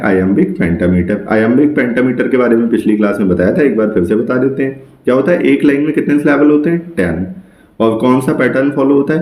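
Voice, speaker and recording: A man teaching an exam-prep literature lesson, explaining step by step, often checking with the class, and reading English lines slowly. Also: lowish voice, warm tone, reverberant.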